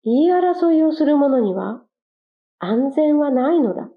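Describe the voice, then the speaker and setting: A woman voicing a wise, calm male quail king who speaks in an earnest, measured way. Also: sits high, pitched above the performer's own voice. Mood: grave. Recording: dull lo-fi recording.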